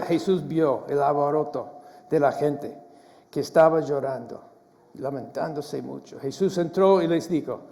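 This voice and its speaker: A man's voice: a little high, darkish tone, long reverb tail. A man preaching a sermon as pastor, earnest, often restarting and repeating words. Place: church hall.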